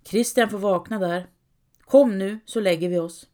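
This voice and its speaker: A woman reading an audiobook voices a stern, gruff farmer husband who growls his orders. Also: medium pitch, dark tone, close to an everyday voice.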